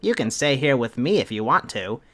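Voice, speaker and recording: A man voicing a calm, caring cartoon meerkat son, speaking with gentle concern and reassurance. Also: medium pitch, moderate pace. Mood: calm, reassuring.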